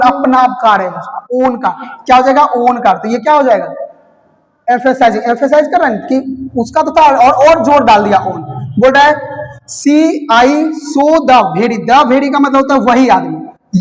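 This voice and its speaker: A grammar teacher, giving an exam-prep lesson and repeating each key term as a question and its answer. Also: medium pitch. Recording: long hall reverb.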